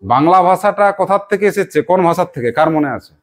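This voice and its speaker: A man's voice: high voice, expressive, fast talker. A male teacher runs a classroom lesson, calling pupils by name and praising each answer. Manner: encouraging, quizzing pupils by name.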